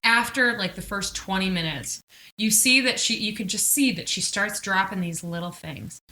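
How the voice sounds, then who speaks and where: A woman co-hosting a podcast, recapping a TV episode in animated, profane casual chat. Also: medium pitch, moderate pace. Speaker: podcast co-host. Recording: roomy echo.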